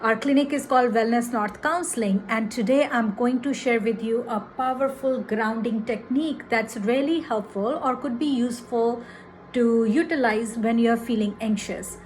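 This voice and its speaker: Woman guiding a calm grounding exercise, higher-pitched. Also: moderate pace, slight background noise, poor audio. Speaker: counselor presenting a grounding technique. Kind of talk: calm guided grounding exercise, instructional talk to viewers.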